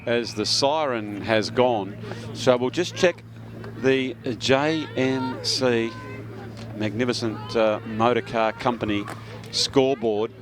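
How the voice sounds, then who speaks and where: A man calls a junior football match from an outdoor ground in a relaxed, chatty way, dropping in easy filler pauses. His pitch sits at an ordinary middle level. Loud traffic and open-air noise run steadily behind him. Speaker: football commentator. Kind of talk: live sports commentary.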